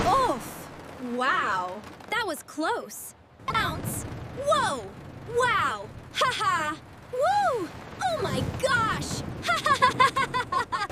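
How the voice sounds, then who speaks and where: A woman voicing a squeaky winged cartoon critter. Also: heavily acted. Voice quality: squeaky, shrill. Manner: exclaiming, reads sound effects aloud. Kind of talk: cartoon dialogue. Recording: loud background noise.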